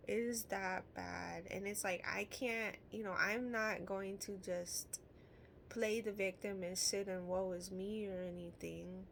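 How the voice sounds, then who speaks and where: Some noise runs under this casual, rambling vlog from a Midwestern-accented woman from Illinois, who keeps wandering into trailing asides. She talks a little slowly with a steady medium pitch, vocal fry and a fairly bright tone.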